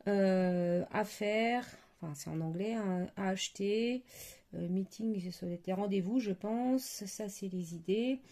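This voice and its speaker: A woman chatting casually as she shows craft stamps on camera, hesitant, often pausing to search for words. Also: medium pitch, dark tone. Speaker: crafting vlogger. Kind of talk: casual product show-and-tell.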